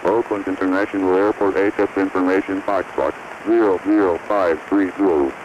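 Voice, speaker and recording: Deep-voiced man in a hissy airport weather broadcast. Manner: steady, clipped reading of weather figures. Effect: airport weather broadcast over radio. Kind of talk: recorded information broadcast. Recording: muffled hissy radio receiver.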